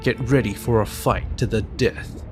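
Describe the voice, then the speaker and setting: A man's voice: fairly low pitch, fairly even intonation, moderate pace. An Australian man playing a video game, reading its text aloud and tossing in casual, muttered asides, with the game's music behind him. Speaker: gamer playing through a game.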